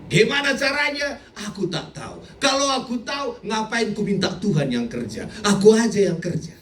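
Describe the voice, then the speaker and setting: A middle-aged man preaching a sermon as a pastor, animated, sometimes shouting and often laughing. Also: sits high, moderate pace. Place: church hall. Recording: echoey church hall, mic from a distance.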